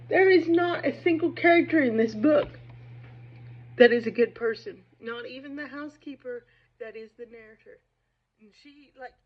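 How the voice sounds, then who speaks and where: Recorded with muffled sound, this woman's voice sits on the high side as she delivers casual, opinionated book talk for her video channel. She's emphatic and conversational, drifting into digressions and asking "right?" or "okay?" along the way, and a slight speech impediment slows her on hard sh sounds.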